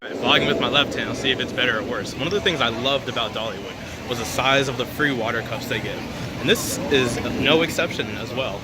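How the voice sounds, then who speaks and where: A man's voice: medium pitch, fairly quick. A man vlogging casually outdoors at a theme park, rambling and thinking aloud into a handheld camera. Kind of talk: casual vlog chat to camera. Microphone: handheld camera at arm's length. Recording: loud music and outdoor park noise behind.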